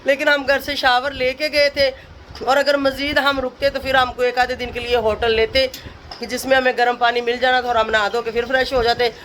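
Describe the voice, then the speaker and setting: A woman's voice: sits high, little pitch movement, brisk, fairly bright tone, slight background noise. A woman from Pakistan, chatting to camera in a casual family vlog, tired, laughing often and calling out to relatives. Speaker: family vlogger.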